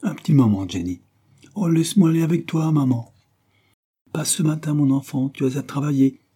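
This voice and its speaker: A man's voice: medium pitch, lively intonation, fairly quick, mellow, slightly rough, voice pushed up. Anxious wife pleading, read by a man. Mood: gentle. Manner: pleading, tense, insistent. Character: anxious devoted wife and mother.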